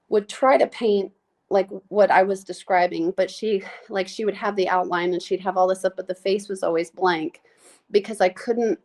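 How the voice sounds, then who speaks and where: A woman recounting a personal experience on a podcast. Her voice has a gravelly, fry-laden edge and sits at an ordinary pitch. She talks in a halting, heartfelt way, full of fillers, and is close to tears. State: tearful, voice breaking. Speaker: nurse practitioner guest. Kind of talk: personal storytelling in a podcast interview.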